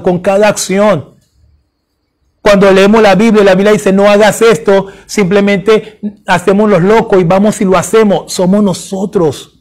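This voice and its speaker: High-voiced man preaching with emphatic repetition. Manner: repetitive, emphatic, addresses listeners directly. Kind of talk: sermon.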